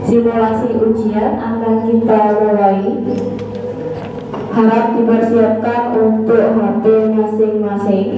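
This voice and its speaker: A woman making a formal school announcement over the intercom loudspeaker, speaking in a measured, instructive way. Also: fairly high pitch, slight background noise. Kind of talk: formal public-address announcement. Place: classroom, heard over the school PA. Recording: tinny echoey loudspeaker heard from far off.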